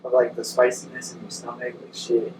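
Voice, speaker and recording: A man's voice: mid-range voice, monotone, a little fast. A man chatting casually with slang and swearing while suffering from the burn of very spicy food. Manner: suffering from eating a very hot spicy chip, watery eyes and burning stomach. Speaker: podcast co-host. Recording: distant mic, echoey noisy room.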